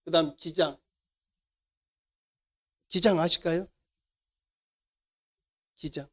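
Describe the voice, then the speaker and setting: A middle-aged man with a Jeolla Korean accent lectures to a class, his voice sitting a little high for a man. He keeps asking the room questions and then answering them himself, as an instructor walking students through the material. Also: steady tone, slow pace, fairly bright tone.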